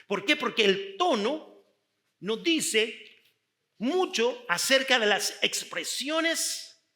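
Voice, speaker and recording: A middle-aged male pastor preaching a sermon, emphatic and drawn out, with sudden shifts in loudness. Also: very high-pitched, big pitch swings, slow.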